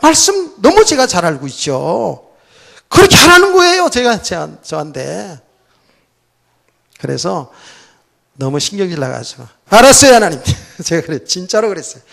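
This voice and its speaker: A middle-aged man, a pastor, telling a personal story in a sermon, swinging between loud outbursts and soft, low asides. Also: very animated, moderate pace, vocal fry, long pauses. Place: church sanctuary.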